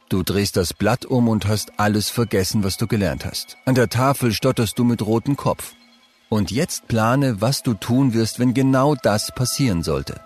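Calm man narrating advice over faint music. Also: fairly low pitch. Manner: calm, direct second-person advice. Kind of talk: scripted advice narration for young people.

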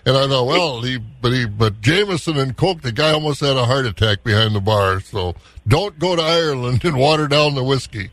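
A man's voice: mid-range voice, expressive, a little fast, a bit bright, no echo. A man hosting a morning farm radio show, chatty and jovial, telling a story with laughter. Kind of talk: casual radio banter.

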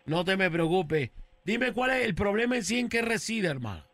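A man's voice: high voice, sing-song, normal speed, a bit bright, no room sound. A man playing a grandiose male faith healer in a comedy radio sketch, calling everyone brother and sister and chanting incantations. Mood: soothing.

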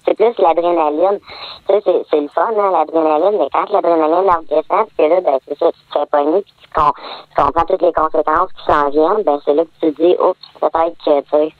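Woman caller, disguised deep voice, Québécois accent, hesitant, tinny phone sound. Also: steady tone, a little fast, no echo. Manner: hesitant, full of fillers. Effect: disguised deepened voice from a voice changer. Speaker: anonymous caller. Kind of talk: radio call-in confession.

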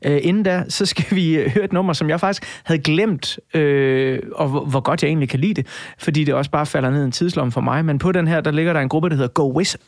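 Man, podcast host: fairly high, dry studio sound, measured and friendly. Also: dry recording. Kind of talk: conversational interview hosting.

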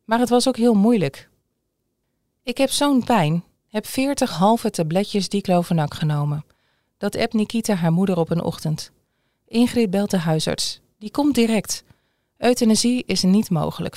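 A woman reads a news feature aloud in a steady, measured way. Her voice sits in a middle register and is recorded close-up in a dry booth with no room sound. The delivery is even and scripted. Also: mid-range voice, no echo. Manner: calm, measured reading. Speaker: newsreader.

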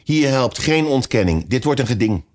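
A man's voice: mid-range voice, big pitch swings, normal speed, a little mellow, pitched above the performer's own voice, close to an everyday voice. A man reading a storybook aloud, voicing a pompous, threatening dog who plays judge and jury. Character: menacing, self-appointed judge dog.

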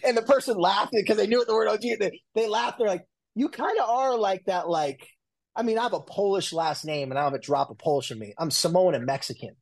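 A family and marriage therapist in his forties speaks loosely as a guest in a casual interview, with many fillers and restarts. His voice is high-pitched and brisk.

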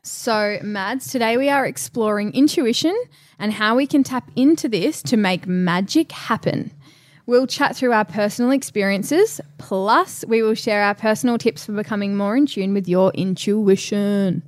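A young woman co-hosts a podcast with a mid-pitched voice in a dry recording. Her talk is casual and informal, peppered with "like" and little quotes of herself. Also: moderate pace, no echo. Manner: informal, frequent "like" and self-quoting. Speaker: podcast co-host. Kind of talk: casual chat.

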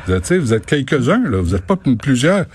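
A man's voice: mid-range voice, sing-song, fast talker, a little mellow, husky. A man with a Quebec French accent, hosting a radio show in casual, joking banter. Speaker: radio host.

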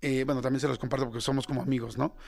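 A man's voice: mid-range voice, flat delivery, racing, creaky, darkish tone, soft background music. A radio host in his fifties with a Mexican accent, talking candidly to listeners in a casual reflective monologue, full of fillers and self-deprecating asides. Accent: Mexican Spanish. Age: 50s.

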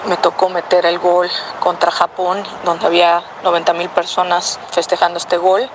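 A woman's voice: on the low side, completely flat delivery, moderate pace. A woman, a former national team footballer, speaking proudly and measuredly, recorded outdoors in a city with street noise behind her. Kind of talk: reflective testimony.

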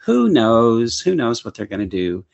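A man's voice: mid-range voice, wildly swooping pitch, measured pace, vocal fry, a loud crowd. A man co-hosting a casual podcast, upbeat and chuckling as he talks. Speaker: podcast co-host. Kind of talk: casual chat about comic book films.

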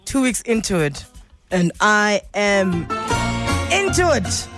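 A woman's voice: medium pitch, very animated, slow pace, fairly bright tone. Playful woman hosting breakfast radio. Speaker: radio breakfast show host. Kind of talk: casual banter and interviewing. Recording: music bed behind the voice. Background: music.

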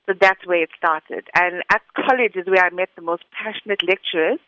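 Speaking briskly in a voice on the low side, a South African woman in her forties who serves as a school academic director gives earnest, well-spoken interview answers. The dull lo-fi recording is dry, without echo.

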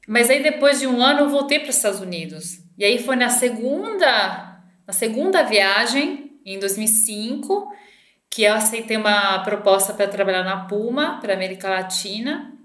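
A middle-aged Argentine woman, a marketing director appearing as a guest, answers interview questions thoughtfully with a light Argentine Spanish accent, often hesitating and restarting. Her voice is on the high side and fairly bright, with lively intonation and a moderate pace. The recording has a roomy echo.

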